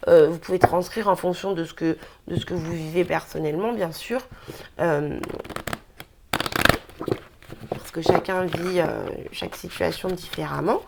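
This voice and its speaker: A woman's voice: on the low side, normal speed, gravelly, background noise. Chatty woman reading tarot cards. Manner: chatty, hesitant with many fillers. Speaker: tarot card reader. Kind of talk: casual daily card reading.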